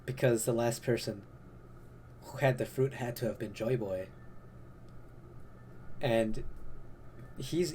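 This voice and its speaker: A man's voice: mid-range voice, darkish tone. A young man co-hosting a casual podcast, talking animatedly, swearing and laughing often. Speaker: podcast co-host. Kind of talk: casual chat. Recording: faint computer noise behind.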